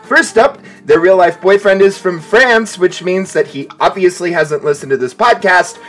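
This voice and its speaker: A podcast host with a playful, animated way of talking who laughs often, with faint music behind. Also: male voice, high voice, moderate pace. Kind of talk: casual podcast chat.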